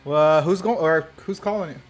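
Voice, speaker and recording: Game master guy, laid back, slightly high voice, light music under it. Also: normal speed. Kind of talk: running a tabletop game.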